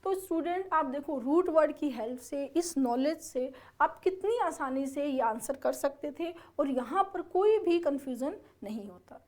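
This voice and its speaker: A woman's voice: high voice, expressive, unhurried, few pauses, a little mellow. A woman giving an exam-prep lesson, explaining words step by step and often checking whether her students follow. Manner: spells words out letter by letter. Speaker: English teacher for exam preparation.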